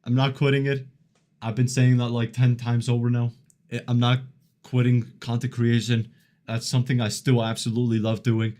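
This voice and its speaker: A man's voice: medium pitch, level tone, moderate pace, dark tone. Laid-back young man streamer. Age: 20s. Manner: laid-back, chuckles often, filler-heavy rambling. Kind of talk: casual live-stream chat reading chat messages.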